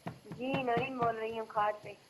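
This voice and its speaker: Woman phone-in caller, brief polite replies, higher voice, noisy phone line. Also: fairly even intonation, measured pace. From Pakistan. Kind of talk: phone-in chat.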